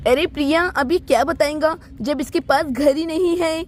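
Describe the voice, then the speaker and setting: A woman voicing a sharp-tongued young woman in a doll story, scolding and interrogating. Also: sits high, moderate pace, a little hiss or hum, close to an everyday voice. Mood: accusing.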